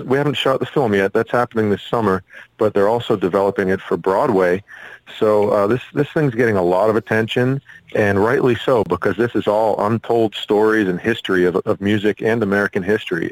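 Man, low voice, earnest, hesitant, casual interview guest, dry sound. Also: dry recording, low-quality recording. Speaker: guest, musician and actor.

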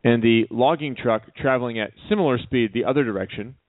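A man co-hosting a radio talk show, chatting casually with a wry, deadpan humor. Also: medium pitch, fairly quick, dry recording. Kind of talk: casual chat. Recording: dry, phone-like narrow sound.

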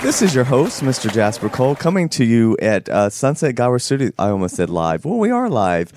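A man with a slightly hoarse, froggy voice hosting a talk show with playful, teasing banter. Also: medium pitch, big pitch swings, brisk, a little mellow, dry recording.

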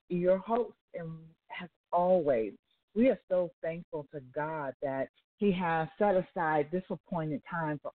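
Woman, 60s, church elder talk host; lower voice, emphatic repetition, phone-line sound. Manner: effusive, repeats phrases for emphasis.

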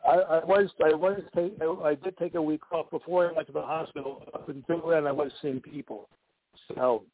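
A man speaking candidly on a conference call line that keeps cutting out, halting and restarting his words. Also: fairly high pitch, steady tone, a little hiss or hum. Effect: conference call line that keeps breaking up. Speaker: guest. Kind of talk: candid personal talk. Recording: tinny phone line.

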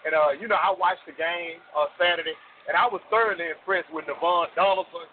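Radio call-in caller heard over the phone: earnest man, lightly raised pitch, thin phone-line sound. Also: steady tone, a little fast, a little hiss or hum. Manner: earnest, keeps asking the host's opinion. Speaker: caller to a sports radio show. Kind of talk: casual call-in chat. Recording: tinny phone line, dry.

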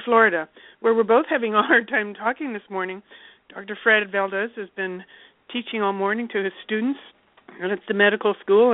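A woman's voice: medium pitch, dry recording. A woman hosting a call-in radio show, steadily reading through her introduction of the guest. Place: Alberta. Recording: dry tinny phone line.

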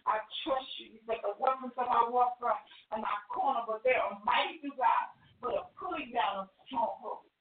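A woman's voice: fairly high pitch, normal speed. A woman on the phone praying fervently and quoting scripture. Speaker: caller. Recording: distant, gravelly phone line with hiss.

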